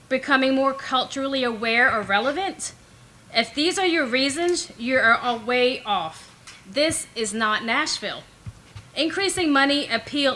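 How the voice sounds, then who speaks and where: A woman's voice: fairly high pitch, pushed and bright, low-quality recording. A woman giving firm, prepared public comment at a council meeting, pressing her point with rhetorical questions. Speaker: resident and ministry director giving public comment.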